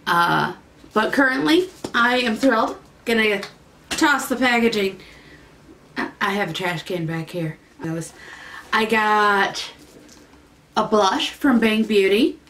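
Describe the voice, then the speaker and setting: A woman's voice: medium pitch, slow pace, pauses often, fairly bright tone, slight background noise. A woman beauty vlogger casually chatting through a makeup unboxing, rambling and easily delighted, sometimes in a sing-song voice.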